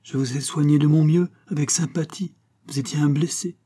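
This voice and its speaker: A man voicing a young woman nurse who speaks courteously and gently, with a slightly raised pitch. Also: a little fast, husky. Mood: gentle firmness.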